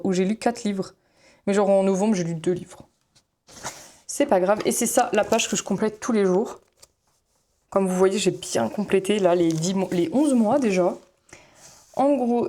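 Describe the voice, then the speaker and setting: Paging through her notebooks, a young woman who vlogs about student life talks in a loose, rambling way, using many fillers and correcting herself. She has a medium-pitched, dark voice, with a little hiss or hum in the audio.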